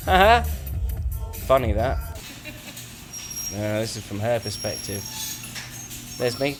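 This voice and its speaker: A man narrating a home vlog in a jokey, teasing, lively way. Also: mid-range voice. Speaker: co-host, husband. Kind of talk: playful vlog voice-over.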